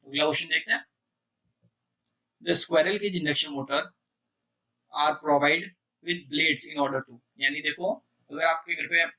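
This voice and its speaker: A man teaching electrical engineering exam questions in Hindi mixed with English, who keeps checking "clear?" and reads the English questions out slowly. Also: a little high, pushed and bright, recorded from a distance, poor audio. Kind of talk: exam prep lecture.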